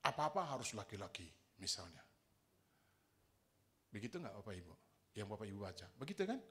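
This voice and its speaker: Male preacher with a lively, swooping voice. Delivers a chatty, teasing sermon. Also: medium pitch. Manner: conversational, teasing the congregation with questions.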